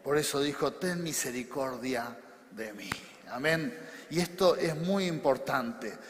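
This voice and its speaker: High-voiced Rioplatense pastor preaching. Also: male voice, slight background noise. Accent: Rioplatense Spanish. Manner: preaching with bursts of shouting and soft drops. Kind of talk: sermon. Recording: long hall reverb.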